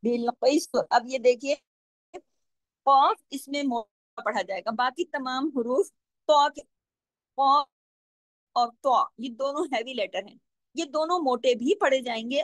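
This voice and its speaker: A woman teaching Quran recitation rules step by step, patiently asking questions and answering them herself, and drawing out the recited words slowly. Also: high voice, dry recording. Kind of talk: step-by-step tajweed lesson.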